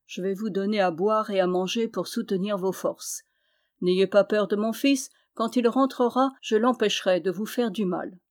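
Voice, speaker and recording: A woman's voice: medium pitch, moderate pace, a little mellow, lightly acted. An ancient giantess, mother of the winds, speaks with a firm, raised, motherly tone, as a woman reading a storybook aloud puts her on. She sounds stern yet kindly toward the small man before her, in a voice of middling height.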